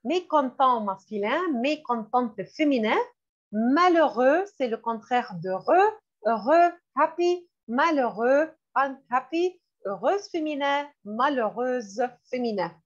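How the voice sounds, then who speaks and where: A woman teaching French vocabulary in a classroom lesson, repeating each word slowly and glossing it in English. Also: sits high, expressive. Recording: dull lo-fi recording.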